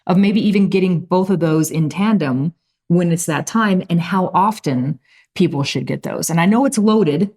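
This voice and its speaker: A woman's voice: fairly low pitch, moderate pace, a little mellow. Chatty woman hosting a talk show. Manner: chatty, joking, asks long questions. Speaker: host.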